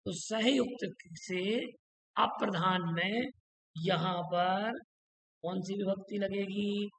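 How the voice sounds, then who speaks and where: A grammar teacher speaks at a very slow, deliberate pace, going over each rule again and again and stopping to quiz the listener. The voice sits in an echoey room with a long reverb tail. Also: mid-range voice, steady tone, a bit bright. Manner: drills rules by repetition and quizzes the listener. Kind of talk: classroom-style grammar lesson.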